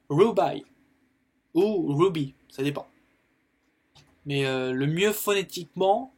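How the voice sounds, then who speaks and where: A man's voice: fairly high pitch, breathy edge. A French-speaking man teaching colour words in a casual video lesson, repeating each word and using plenty of fillers. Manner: explains slowly, repeats words, many fillers. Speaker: YouTube English teacher.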